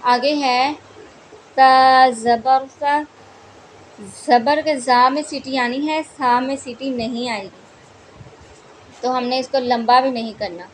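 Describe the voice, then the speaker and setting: High-voiced woman teaching slow recitation drills. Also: steady tone, slight background noise. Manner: patient, repeats syllables slowly and loudly for drilling. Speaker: Quran reading teacher. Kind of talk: slow step-by-step recitation lesson.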